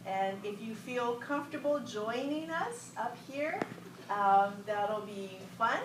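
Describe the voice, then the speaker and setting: A woman's voice: on the high side, expressive, slow. A woman from Hilo, Hawaii, teaching a group the motions to a song and leading call-and-response greetings in an upbeat way. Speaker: hula and song instructor. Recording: roomy, far from the mic, noisy.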